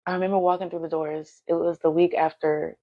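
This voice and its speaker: A woman guest telling her life story in a casual, animated way, her voice jumping high when excited. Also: a little fast, muffled recording.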